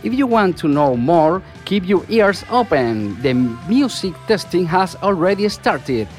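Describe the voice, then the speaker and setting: A man's voice: high-pitched, big pitch swings, measured pace, a little mellow. A man presenting music in scripted narration.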